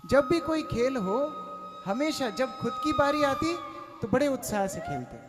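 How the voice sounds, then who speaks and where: A male storyteller telling a scripture story in a lively, dramatized way. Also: extremely high pitch, measured pace. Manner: animated, acting out scenes. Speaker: Bhagavat Katha storyteller. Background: flute music.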